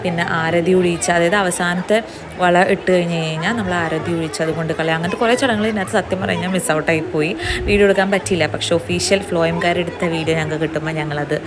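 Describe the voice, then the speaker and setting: A woman's voice: on the low side, steady tone, quick pace, noisy background. A woman with a Kerala accent giving a chatty vlog narration, mixing English words into Malayalam. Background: loud music.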